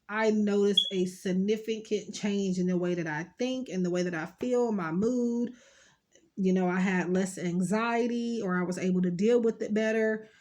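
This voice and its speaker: Her voice is mid-range and darkish, thick with a stuffed-up nose and the occasional sniffle. She rambles casually through a tarot reading, reassuring her viewers directly and filling gaps with plenty of fillers.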